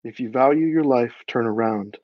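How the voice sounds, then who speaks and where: A man's voice: mid-range voice, moderate pace, dry recording, close to an everyday voice. A man reading aloud, voicing a weary, grumbling man in a tavern in his own voice, recorded on a dull, dry mic.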